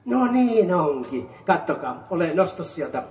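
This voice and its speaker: Playful woman performing children's magic. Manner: teasing, animated, bursts into high calls on magic words. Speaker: children's magic show entertainer. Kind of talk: playful stage patter with a child audience. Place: amusement park show area. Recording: roomy, distant sound with faint ambient noise.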